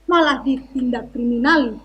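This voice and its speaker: A woman's voice: sits high, measured pace, dull audio. A woman narrating a theatre monologue in a dramatic, declamatory way. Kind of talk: theatrical storytelling in a stage monologue.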